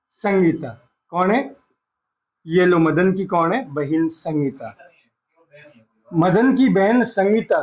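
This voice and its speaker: A man teaching a reasoning class as a lecture, explaining slowly and repeating each phrase. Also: sits high, dull audio.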